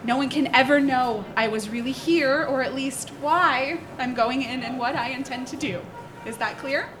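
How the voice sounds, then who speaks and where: A high, fairly ordinary-sounding female voice comes through over background noise. The actress is doing a live stage radio play as a middle-aged Iowa mother, nervous but resolute, flustered and embarrassed, her stern lines broken by hesitations and nervous laughter.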